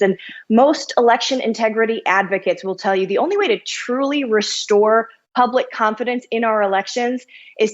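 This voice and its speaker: A woman working as a news correspondent, delivering a scripted report in a brisk, upbeat manner. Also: medium pitch, highs cut off.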